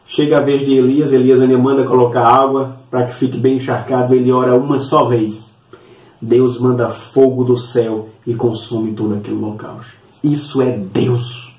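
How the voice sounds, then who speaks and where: Mellow-voiced man teaching in an echoey room. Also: mid-range voice, flat delivery. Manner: earnest, repeats points, halting fillers. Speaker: Sunday school teacher. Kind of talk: Bible lesson teaching. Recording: echoey room, mic at a distance.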